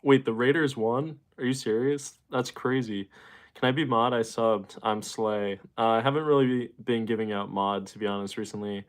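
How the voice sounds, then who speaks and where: A man's voice: mid-range voice, moderate pace. A young man from Boston hosting a casual livestream, greeting chatters and rambling with lots of fillers. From Boston, Massachusetts. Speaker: livestream host. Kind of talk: casual livestream chat reading viewer comments.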